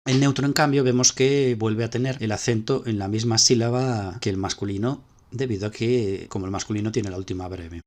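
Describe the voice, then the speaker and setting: A man's voice: lowish voice, steady tone, brisk, darkish tone. A man with a Spanish accent teaching ancient Greek grammar step by step, repeating key points as he explains slides.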